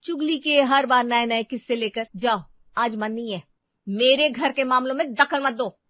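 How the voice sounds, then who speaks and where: A woman's voice: a little high, lively intonation, moderate pace, no echo, voice pushed up. A woman voicing an angry young housewife who scolds and sneers in a harsh, sarcastic tone, for a cartoon story. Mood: scornful. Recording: dull lo-fi voice track.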